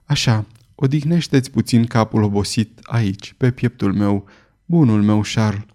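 A man's voice: lowish voice, a little mellow, close to an everyday voice. A man voicing a devoted young woman who soothes her troubled lover, in an audiobook reading. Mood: soothing. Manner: soothing, tender.

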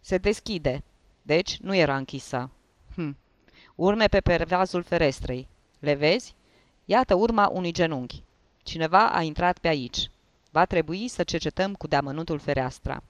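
A man playing an irritable, bossy middle-aged male investigating judge in a read-aloud story. He talks curtly and scolds, his voice slightly high, recorded dry and close. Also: no room sound, close to an everyday voice. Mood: stern. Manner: curt, scolding.

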